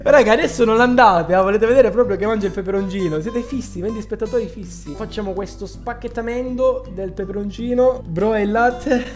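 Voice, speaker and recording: High-voiced excitable young male streamer. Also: a little fast, hardly any pauses, soft background music. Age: young adult. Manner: excitable, exclaiming to viewers. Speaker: livestreamer. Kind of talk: casual livestream chat. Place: small indoor room.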